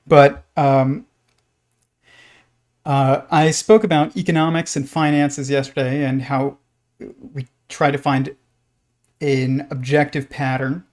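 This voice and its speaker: A man hosts a live stream as a loose, casual monologue. He rambles and halts as he goes, at a middling pitch. Scratching from pet lizards can be heard in the background. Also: little pitch movement, darkish tone. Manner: halting, rambling delivery.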